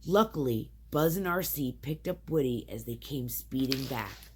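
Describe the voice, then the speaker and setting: A young woman reading a children's storybook aloud to her child, in an expressive, sing-song way. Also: rumbling low, unhurried, noisy background.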